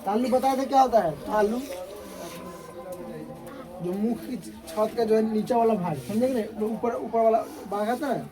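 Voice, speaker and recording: A man's voice: high-pitched, moderate pace, pauses often, a crowd in the background, poor audio. Man drilling sounds in class. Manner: drills sounds aloud, repeats and checks students. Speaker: teacher. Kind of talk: classroom grammar lesson. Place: classroom with pupils.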